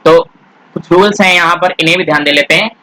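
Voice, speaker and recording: A man teaching English grammar, speaking Hindi mixed with English words in an Indian accent. He asks questions and then answers them himself, and he draws out the English words slowly. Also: on the high side, pushed and bright, slight background noise, low-quality recording. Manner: addresses students as "beta", asks and answers his own questions. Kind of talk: classroom grammar lesson.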